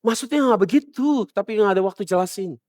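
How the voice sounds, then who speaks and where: A man preaching a sermon as pastor, emphatic and swinging between loud stresses and low murmurs. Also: animated, quick pace. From Indonesia. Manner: mocks other preachers in a soft mimicking voice. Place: church.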